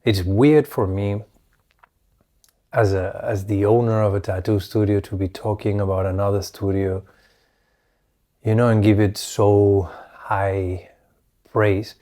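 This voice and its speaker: A man, hosting a solo podcast, talking reflectively with many restarts, his voice a little hoarse as it recovers. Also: fairly low pitch, steady tone, a little slow, long pauses, mellow. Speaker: podcast host.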